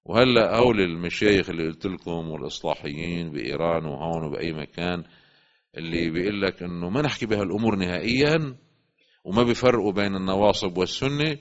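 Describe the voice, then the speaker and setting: Emphatic low-voiced lecturer. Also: male voice. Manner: emphatic, swings between loud urging and low asides. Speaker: religious lecturer. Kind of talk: religious lecture. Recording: dull lo-fi recording.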